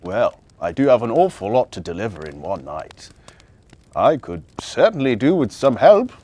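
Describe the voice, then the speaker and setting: A man voicing a kindly old Santa Claus in a children's story, deep and jolly, with a hearty, reassuring manner. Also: big pitch swings, normal speed, dark tone. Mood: jolly reassurance.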